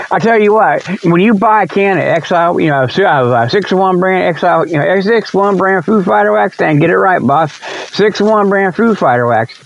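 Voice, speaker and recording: The host of a radio-style talk show rambles folksily, repeating himself, wandering off topic, and chuckling to himself while making tongue-in-cheek sales pitches. His voice is higher-pitched and gravelly, and the sound is lo-fi.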